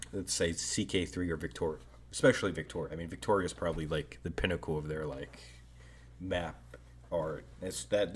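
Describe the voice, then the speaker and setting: A man's voice: sits low, slight background noise. A man giving casual, rambling video commentary on a strategy game, hedging often and tagging thoughts with "right?".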